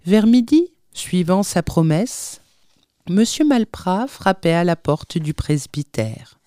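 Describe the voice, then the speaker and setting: A woman reading a story aloud, with slow, measured narration and lively voiced dialogue. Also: lowish voice, no echo, studio quality. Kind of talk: audiobook narration with acted dialogue.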